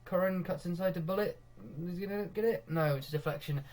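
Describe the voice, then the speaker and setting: A man's voice: high voice, fast. Young man calling his football game. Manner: excitable when goals come, laughs at himself. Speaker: gaming video host. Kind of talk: live football game commentary.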